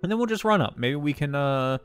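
This streamer's voice is a bit high and expressive, and he talks a little quickly while playing and chatting casually with his audience. He laughs often, sounds mildly congested, and faint music runs underneath.

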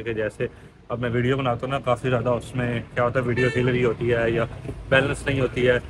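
A vlogger in his thirties with a Pakistani Urdu accent walks a busy street holding his phone at arm's length, chatting casually and explaining things as he goes. His voice is at an ordinary middle pitch, and clear traffic noise runs beneath the entire outdoor recording.

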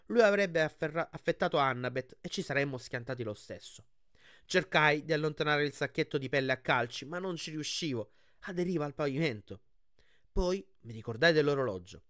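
A man reading a novel aloud for his channel, expressive and lively in his storytelling. His voice sits fairly high for a man. The recording is dry and close, with no room sound. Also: dry recording. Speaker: audiobook reader and channel host.

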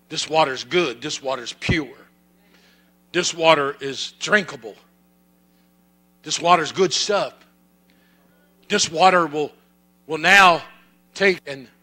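High-voiced, bright-toned preaching pastor. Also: male voice. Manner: preaching with rising fervor, repetitive cadence. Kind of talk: sermon.

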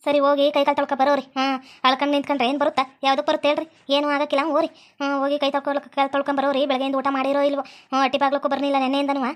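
A forgiving cartoon wife, voiced by a woman, soothes her husband in a high, quick voice with a North Karnataka Kannada accent. She scolds gently and fusses over him. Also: monotone, natural voice. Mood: fussing. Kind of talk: hobby cartoon voice acting.

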